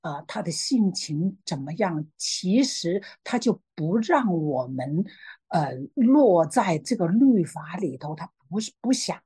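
A woman sharing a personal faith testimony, hesitant with frequent restarts and fillers, growing lively as she tells a story. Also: fairly low pitch, unhurried, slightly rough, no room sound. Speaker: church member sharing a testimony.

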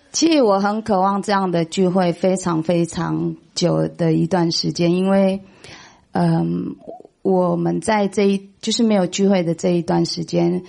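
A woman's voice: on the low side, measured pace, gravelly, dark tone. A nervous woman beginning her talk at a church meeting, self-deprecating and laughing. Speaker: testimony speaker.

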